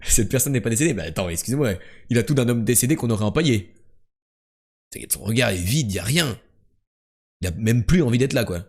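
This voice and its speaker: A young man streaming quiz games live, chatting casually and joking, jumping between loud bursts and low mumbles. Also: lively intonation, a little fast, pauses often.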